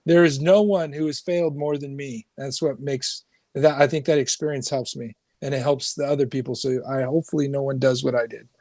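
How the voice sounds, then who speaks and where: A man hosting a casual podcast chat, talking in a loose and halting way. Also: medium pitch, fairly even intonation, a little mellow, no room sound. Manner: loose, reflective, halting delivery.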